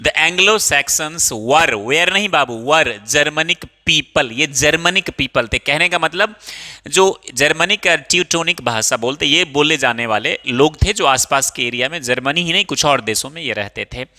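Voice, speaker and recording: An Indian man explaining a textbook lesson, posing questions to his class and answering them himself. His voice is very bright and sits a touch high. It rings out with a long reverb, as if he is in a hall. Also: measured pace. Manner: calls students "babu", asks and answers his own questions. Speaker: English teacher. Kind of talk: explaining a textbook chapter in Hindi with English phrases.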